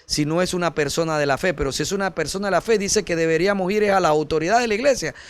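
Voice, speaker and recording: Male pastor, sermon delivery, higher-pitched voice, dry close sound, direct and earnest, calls listeners brother. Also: fast, smooth, no echo. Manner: earnest preaching, rising to emphatic peaks then dropping soft.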